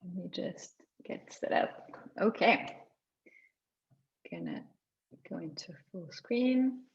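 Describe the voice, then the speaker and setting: A woman's voice: fairly low pitch, wildly swooping pitch, takes it slowly, creaky. A young woman from Lithuania giving a conversational talk at an online meetup, often restarting her sentences. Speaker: guest speaker. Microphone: video call. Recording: slightly dull video call audio.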